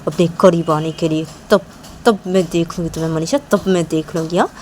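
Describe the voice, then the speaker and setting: A woman's voice: fairly low pitch, steady tone, brisk, darkish tone, slight background noise, close to an everyday voice. A woman voicing a hot-tempered, jealous young woman who scolds and threatens, repeating herself, in an amateur audio story. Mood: threatening. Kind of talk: amateur storytelling with voiced dialogue.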